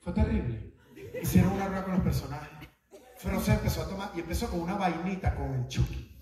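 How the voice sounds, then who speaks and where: A man doing animated stand-up comedy on a live stage, shrieking into high voices. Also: a little fast, far from the mic, music in the background. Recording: roomy venue, from the mic, loud crowd.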